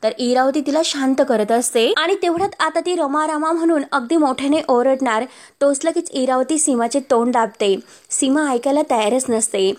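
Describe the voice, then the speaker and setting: Woman narrator, high voice, steady episode-recap voice-over, links each story beat with "and now". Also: normal speed. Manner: steady storytelling, linking every step with "and now". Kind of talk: retelling a serial episode, quoting characters.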